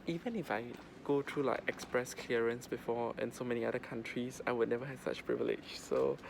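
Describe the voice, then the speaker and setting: Male travel vlogger, medium pitch, rambling informal chat, recorded in a noisy airport waiting area. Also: fairly even intonation, brisk. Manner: rambling, informal, frequent 'like' filler. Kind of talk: casual travel vlog chat. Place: airport boarding gate seating. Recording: clear background noise of airport.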